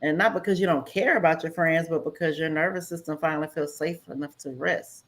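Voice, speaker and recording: A woman co-hosting a casual conversation about mental health. Her voice sits a little low, and she speaks gently and reassuringly, affirming the listener as she gives advice. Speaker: podcast co-host. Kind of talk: supportive advice in casual chat.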